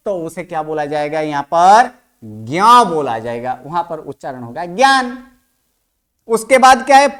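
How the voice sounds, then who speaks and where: Pronunciation is drilled by a teacher in an online language class, who repeats each sound out loud and constantly poses questions to the students. The voice sits in the mid range.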